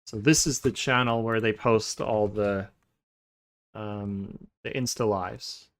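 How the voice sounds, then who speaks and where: A man's voice: lowish voice, takes it slowly. Laid-back man hosting a podcast. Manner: relaxed, many filler sounds and restarts. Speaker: podcast host. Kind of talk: casual podcast chat.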